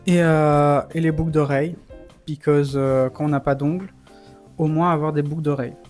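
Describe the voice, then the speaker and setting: A man's voice: fairly high pitch, steady tone, moderate pace, darkish tone, faint music behind. A young man chatting casually for a vlog in the campy, playfully theatrical manner of a drag queen. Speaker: drag performer and vlogger.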